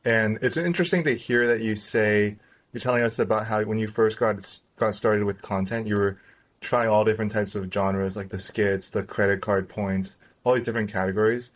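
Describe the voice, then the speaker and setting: Male co-host with a lowish voice. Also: steady tone, normal speed. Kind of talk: interview questions.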